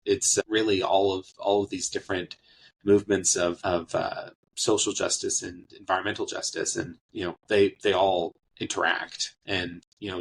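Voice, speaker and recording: A man answering interview questions about his charity's work, relaxed, with many fillers and restarts. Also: deep voice, gravelly, slight background noise, poor audio.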